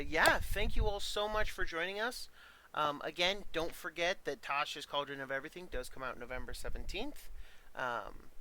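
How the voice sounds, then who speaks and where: A man closing out a tabletop game session as its dungeon master, talking in a loose, friendly ramble full of ums. His voice is bright and forward, set a little high for a man. A faint hiss sits under it. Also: low-quality recording. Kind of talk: casual sign-off of an online tabletop game.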